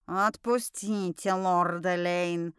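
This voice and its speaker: A woman's voice: on the low side, steady tone, takes it slowly, clear, resonant tone, dry recording, clean studio sound, pitched below the performer's own voice. A woman voicing a stern, commanding man, an academy rector who barks his orders, in an audiobook. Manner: barking orders.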